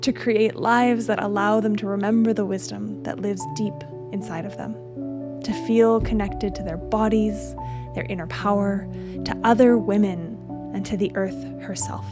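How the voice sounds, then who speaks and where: A woman hosting a spiritual podcast, speaking in a soft, earnest, measured way. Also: mid-range voice, steady tone, over music. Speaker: podcast host. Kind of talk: spiritual podcast narration and interview.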